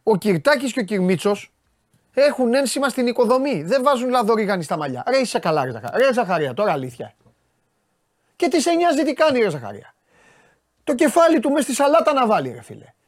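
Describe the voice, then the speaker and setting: A man's voice: very high-pitched, sing-song, dry recording, clean studio sound. A man with a Greek accent hosting a sports talk show, casually and exasperatedly scolding his viewers with rhetorical questions. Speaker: sports commentator host.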